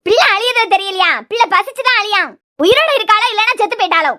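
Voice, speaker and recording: Woman doing a nosy cartoon granny, kanyakumari slang, squeaky high and rapid. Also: bright, forceful tone. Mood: nagging. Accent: Kanyakumari Tamil. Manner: scolding, nagging. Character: bossy old grandmother, sharp-tongued mother-in-law. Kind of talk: cartoon serial voice acting.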